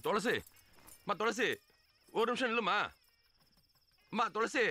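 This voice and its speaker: An actor playing a gentle uncle in a film who hesitantly voices his concern for the bride. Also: high voice, measured pace, no echo. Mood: worried. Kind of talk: film dialogue. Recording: film soundtrack with music.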